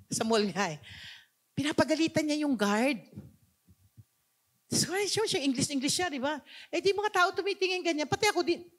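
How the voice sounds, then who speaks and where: A woman pastor with a Filipino accent preaching a sermon, switching between languages and asking the congregation questions. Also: on the high side. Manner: mixes two languages, asks the congregation questions.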